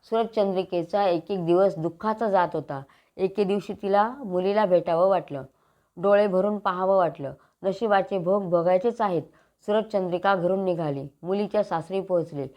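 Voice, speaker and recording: A woman telling a devotional folk tale in a steady, measured storytelling manner. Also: mid-range voice, muffled recording.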